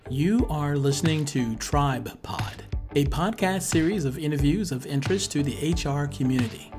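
A man's voice: on the high side, animated. Joking man with music behind. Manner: dry joking, puts on a slow radio-announcer delivery for the intro. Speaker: podcast producer and co-host. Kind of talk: joking chat and scripted show intro.

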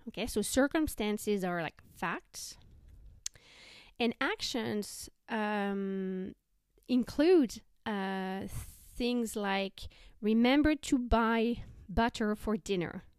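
A woman hosting a self-help podcast, talking conversationally in a measured, explanatory way. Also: mid-range voice, smooth, no room sound, studio quality. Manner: measured, explanatory, listing examples. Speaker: podcast host.

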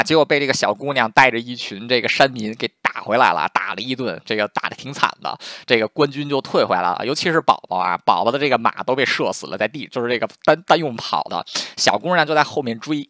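A man casually telling a history story in a lively, chatty way with lots of fillers. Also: mid-range voice, no room sound, clean studio sound.

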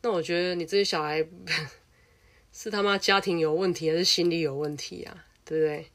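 A woman's voice: on the low side, moderate pace. Taiwanese girl telling a story, casual and blunt, swears a lot, gets worked up. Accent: Taiwanese Mandarin. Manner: blunt, animated, swears freely.

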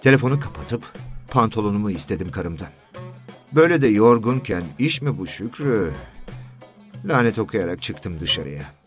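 Low-voiced man narrating a story. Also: very animated, moderate pace, soft background music. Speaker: audiobook narrator. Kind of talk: scripted first-person story narration.

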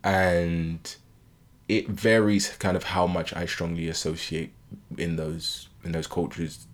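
A man's voice: deep voice, level tone, takes it slowly. A British man co-hosting a podcast with his wife, talking in a curious, reflective way and asking probing questions. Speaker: podcast co-host. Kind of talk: casual chat.

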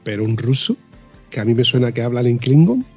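A man's voice: medium pitch, sing-song, a little fast, darkish tone, highs cut off, soft background music. A man co-hosting a casual chat, asking long rambling questions. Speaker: co-host.

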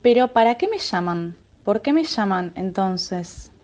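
A woman's voice: medium pitch, expressive, unhurried, darkish tone, lightly acted. A woman acting a bewildered woman who insists on her own identity in a radio sketch, confused and growing indignant. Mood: puzzled.

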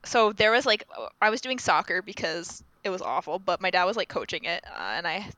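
A woman in her twenties, co-hosting a podcast and telling stories in a chatty, animated way with many fillers. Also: fairly low pitch, fairly quick, dry recording, poor audio. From Rhode Island. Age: 20s. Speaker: podcast co-host. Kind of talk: casual chat.

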